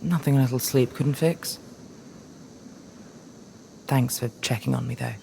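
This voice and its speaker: A dry, guarded young woman with a gravelly low voice. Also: measured pace, mellow, a little hiss or hum, exaggerated voice. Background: game music.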